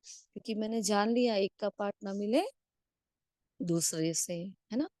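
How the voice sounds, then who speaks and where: Over a video call, a woman who teaches a spiritual class delivers a discourse full of rhetorical questions and frequent tag-question check-ins. Her voice is medium-pitched, a little slow and a little mellow, captured with clean studio sound and no room sound.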